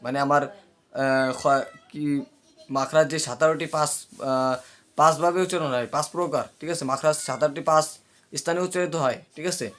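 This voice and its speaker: A man with a somewhat high voice teaches letter sounds in a patient spoken lesson. He drills each sound aloud several times and keeps checking that his listeners follow. His words sometimes catch with a slight hesitancy. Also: fairly even intonation, moderate pace, pauses often, a bit bright. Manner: repeats letters aloud and checks understanding often. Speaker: teacher of Arabic letter pronunciation.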